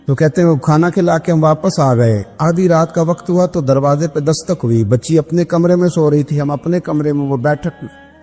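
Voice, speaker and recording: Male preacher, fairly high voice, dramatic storytelling delivery, long reverb, faint music behind. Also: warm tone. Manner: dramatic, pitch rising high at emotional peaks, breaks into sung verse. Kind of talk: emotional storytelling sermon.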